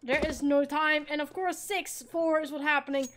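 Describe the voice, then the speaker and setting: A woman's voice: high-pitched, steady tone, moderate pace, noisy background. A woman from the Netherlands with a Dutch accent, in her late twenties, doing casual play-by-play commentary on an esports match and chatting with viewers. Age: late 20s. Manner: chatty, teasing, answers chat questions between calls. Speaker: esports caster.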